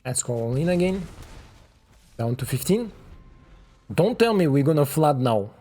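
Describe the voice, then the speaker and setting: A man's voice: a little high, very animated, a little slow, mellow. A man giving casual commentary while he plays a card game, chatting to his opponent and to the game itself. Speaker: streamer playing a card game.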